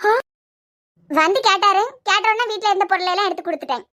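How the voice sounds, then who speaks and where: A performer voicing a quarrelsome cartoon housewife with a Kanyakumari Tamil accent, scolding in sharp retorts. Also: fast, slight background noise. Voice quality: very high, squeaky cartoon voice. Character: quarrelsome housewife of a joint family. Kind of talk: cartoon web series dialogue.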